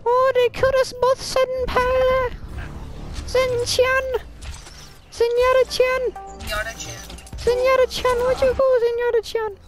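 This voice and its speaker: Dude doing a super high squealy anime healer girl, hyper, broken english, flat sing-song. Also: slow, long pauses, over loud music. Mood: hyper squealing. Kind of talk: gaming voice-chat role-play.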